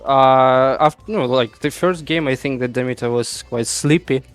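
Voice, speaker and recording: A man's voice: medium pitch, unhurried, clear, resonant tone, soft background music. A man from Ukraine, a tournament player, talking hesitantly after his match with many fillers. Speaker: player guest. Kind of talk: casual post-match talk.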